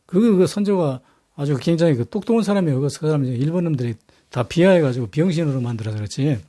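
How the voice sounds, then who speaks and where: A man retells history in a loose, chatty lecture, blunt and full of fillers and hesitations. His voice is fairly high for a man, with a mellow, soft tone. He talks plainly and bluntly. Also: animated, fast talker. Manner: colloquial, blunt, peppered with fillers and rough language. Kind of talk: casual storytelling lecture.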